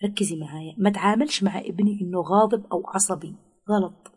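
A woman speaks at a brisk, rapid clip. Her voice is husky and slightly breathy. She explains patiently, like a parenting specialist in an interview, and sometimes acts out the words a parent might say to a child. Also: mid-range voice, a little mellow.

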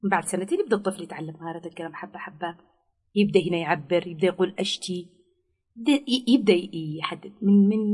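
Woman talking fast about parenting, kinda husky voice, patient explainer. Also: lowish voice, darkish tone. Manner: explains patiently, acts out what parents say to a child. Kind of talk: explanatory advice in an interview.

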